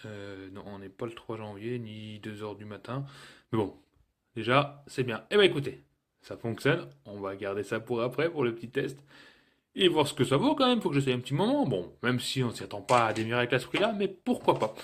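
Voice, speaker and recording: A man's voice: mid-range voice, expressive, brisk. A man talking casually through an unboxing review of a cheap gadget, joking and filling gaps with hesitations. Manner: chatty and joking, with many fillers. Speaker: tech reviewer.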